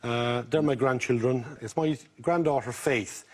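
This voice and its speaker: Game show contestant: middle-aged Irishman, County Mayo accent from the west of Ireland, mid-pitched, slightly rough husky tone, telling his own story. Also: unhurried. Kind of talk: chatting about his life on a game show.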